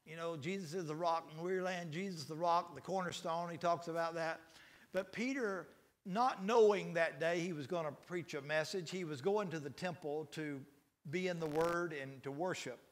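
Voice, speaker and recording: Male pastor, middle-aged, folksy sermon delivery, slightly high-pitched, builds to fervor. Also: moderate pace. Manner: folksy storytelling with rising preacher intensity.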